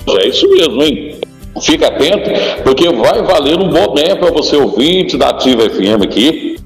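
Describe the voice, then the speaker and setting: A man with a gravelly, fairly high voice and big pitch swings talks at a moderate pace. He's a radio host broadcasting a lively live segment on location from a store, playfully teasing his guest with questions, in an echoey broadcast with music.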